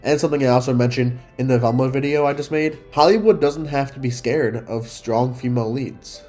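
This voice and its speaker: Earnest man with a sick, hoarse voice. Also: medium pitch, a little mellow. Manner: earnest and opinionated. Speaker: film commentary video host. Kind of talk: scripted film commentary.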